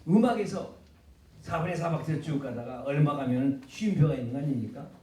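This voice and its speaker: A man's voice: a little high, a little fast, warm tone. An older man, a professor giving a public literature lecture, speaking emphatically and addressing the audience directly. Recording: echoey hall, voice from a distance.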